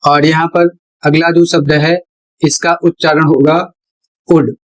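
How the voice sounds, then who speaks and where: Slow, deliberate male teacher. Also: a little high, flat delivery, low-quality recording. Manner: deliberate, repeats each rule step by step. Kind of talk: slow classroom explanation at a board.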